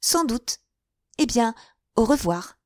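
Female reader playing a bold, lively young woman for an audiobook; brighter and higher than her narration, quick and eager. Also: no echo, studio quality. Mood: breezy. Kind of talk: audiobook dialogue.

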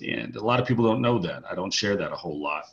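A man's voice: on the low side, lively intonation, fast, creaky, dull audio. A man hosting an interview, reacting with enthusiasm and chatting casually with his guest. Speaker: interview host.

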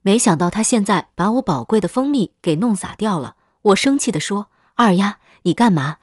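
A woman narrates a creepy first-person tale in a steady, matter-of-fact scripted read. Her pitch sits in a middle range. The recording is dry and close, with no room echo. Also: brisk. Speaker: story narrator.

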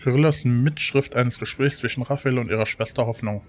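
A man's voice: mid-range voice, fairly even intonation, fairly quick. A man casually commenting on a role-playing game as he plays, sometimes reading text and choices aloud. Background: faint game music.

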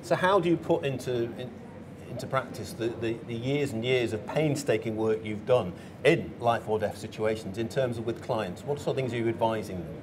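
A man's voice: mid-range voice, brisk, background noise. A man in his forties interviewing someone in a conversational style. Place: indoor event interview stage. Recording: crowd murmur behind voices. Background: crowd murmur.

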